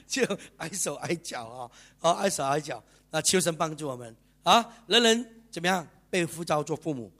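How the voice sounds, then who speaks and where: A male pastor, giving a lively, chatty sermon and keeping the congregation engaged with constant rhetorical questions. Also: on the high side. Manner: lively, chatty preaching with bursts of laughter. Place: church service.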